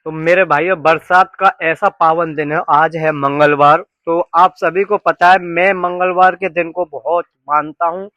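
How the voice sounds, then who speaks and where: A man with a notably high voice talks to his viewers in a relaxed family vlog. He is chatty and playful, slipping into sing-song teasing with the kids. The sound is dry and close. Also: a little slow, hardly any pauses, no echo, muffled recording. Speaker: family vlogger. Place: home, indoors and rooftop.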